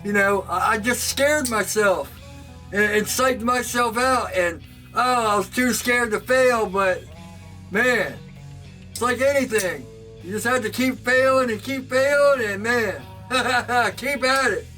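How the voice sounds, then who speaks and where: A knifemaker who hosts his own channel talks excitedly but slowly to the camera in his home workshop, his voice very high and bright, projecting loudly and breaking into laughter despite a sore throat. He's recorded from some distance, with faint music underneath.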